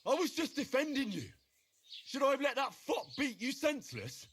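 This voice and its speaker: Sarcastic young commoner, blunt, game character, fairly high voice, background noise. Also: male voice, huge pitch swings, normal speed, fairly bright tone, exaggerated voice. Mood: defensive.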